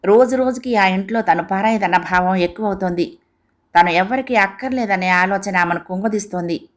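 A woman reading a family story aloud as an audiobook narrator, calm and even. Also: medium pitch, fairly quick.

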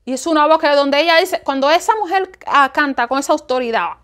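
A woman giving an informal Bible study talk, animated and repeating phrases for emphasis. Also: high voice, fairly quick.

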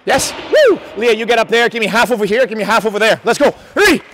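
A man's voice: high-pitched, sing-song, fast talker, a bit bright. A man coaching hockey on the ice, calling out drills with urgent, repeated, encouraging commands in a noisy indoor rink. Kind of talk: shouted drills and instructions on the ice.

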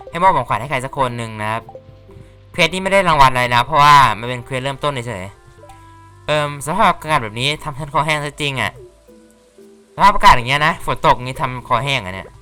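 A man's voice: mid-range voice, bright, forceful tone, clear, resonant tone. A man casually commentating a farming game, chatty and playful, reading the characters' lines aloud. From Thailand. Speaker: gaming YouTuber. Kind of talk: casual Let's Play commentary.

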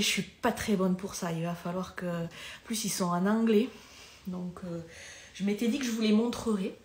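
A woman's voice: medium pitch, darkish tone, a little hiss or hum. Woman physio teaching in an echoey room. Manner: conversational, loses her thread and picks it up again. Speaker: pelvic floor physiotherapist. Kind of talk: live video lesson with demonstrations. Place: room, moving around while demonstrating.

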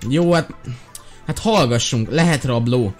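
A man hosting a gaming video, giving excited, chatty commentary straight to his viewers. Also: medium pitch, soft background music.

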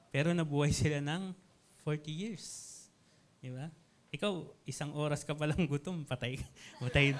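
A man preaching a casual sermon, chatty, often asking his listeners "right?", and reading Bible verses slowly. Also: on the high side, a bit bright.

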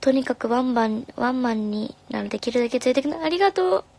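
A young woman, a singer, chatting casually on a live stream, reading comments in a soft, friendly way and sometimes whispering. Her voice is slightly hoarse. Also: a little high, animated, quick pace. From Japan. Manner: soft and friendly, drops to whispers now and then. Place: home room. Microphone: phone.

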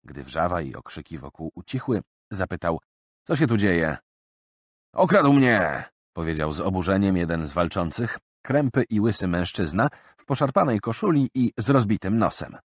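A man reading an audiobook aloud in an expressive, varied manner. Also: deep voice, fairly quick, slightly rough, no echo, clean studio sound. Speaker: audiobook narrator. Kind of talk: scripted narration.

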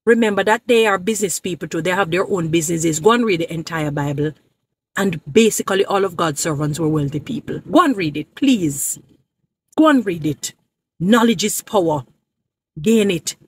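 A woman's voice: on the low side, lively intonation, normal speed, a little hiss or hum. Emphatic woman lecturing from her car. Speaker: social media creator. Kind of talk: direct-to-camera preaching commentary. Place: parked car. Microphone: phone camera at arm's length.

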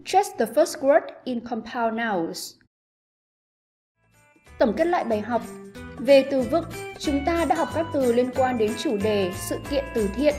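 A woman teacher giving an online English lesson to pupils, explaining grammar with clear, patient pacing. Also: sits high, animated, unhurried, warm tone, faint music behind.

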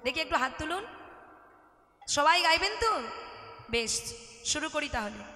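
A woman preaches at a live devotional gathering, speaking slowly and deliberately in a high, bright voice. She addresses the audience directly and urges them to chant along. Her voice rings through an echoey hall with a long reverb tail, and music plays faintly behind. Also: lively intonation. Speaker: kirtan singer and preacher. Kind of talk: devotional sermon with call-and-response chanting.

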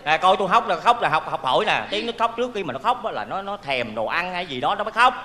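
A high, bright Southern Vietnamese man playing up a stage comedy sketch, all exclamations and teasing. His voice rings out in a large theater hall with a long reverb and a faint hiss underneath. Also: big pitch swings, fast.

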